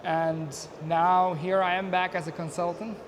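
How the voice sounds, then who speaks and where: A man's voice: high-pitched, flat delivery. A man from Afghanistan vlogging outdoors at a busy conference on a handheld mic, chatting casually and narrating what he does. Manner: chatty, self-narrating, quick asides and laughs. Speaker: YouTuber and software engineer. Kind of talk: casual on-the-street vlog chat. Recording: noisy outdoor ambience.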